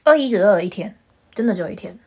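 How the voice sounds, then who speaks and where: A woman's voice: mid-range voice, very fast, slightly rough. A young woman from Taiwan, co-hosting a casual chat podcast and telling stories animatedly. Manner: animated storyteller, acts out quotes. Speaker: podcast co-host.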